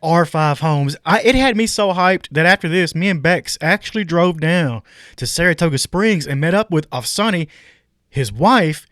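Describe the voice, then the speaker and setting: A man's voice: fairly high pitch, expressive, moderate pace, a bit bright. A man hosting a podcast, chatting casually and enthusiastically while touring a house, with jokes. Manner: enthusiastic, jokey. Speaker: podcast host. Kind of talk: casual chat on a home tour.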